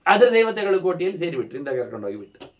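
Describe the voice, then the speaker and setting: An older man giving a lively scriptural discourse, acting out the characters as he tells the stories. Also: racing. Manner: animated, swings pitch and loudness, voices characters in quotes. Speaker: scholar giving a religious discourse.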